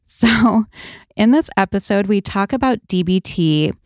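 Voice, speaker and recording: A woman's voice: medium pitch, lively intonation, a little slow, darkish tone, no room sound, clean studio sound. A woman hosting a podcast, introducing things in an informal, conversational way. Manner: informal, peppered with "like". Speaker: podcast host.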